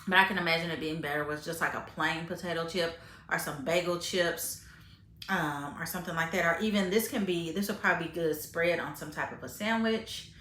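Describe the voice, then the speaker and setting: In a casual to-camera grocery vlog, a woman eats while she talks, chatty and prone to fillers and restarts. Her voice is on the low side, a little fast, bright and forceful, set in a reverberant space with slight hiss or hum.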